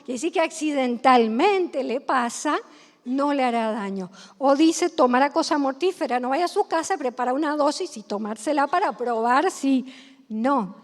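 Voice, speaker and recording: High-voiced Rioplatense woman preaching. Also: lively intonation, moderate pace. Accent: Rioplatense Spanish. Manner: storytelling, asks the congregation questions. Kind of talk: sermon. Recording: long hall reverb.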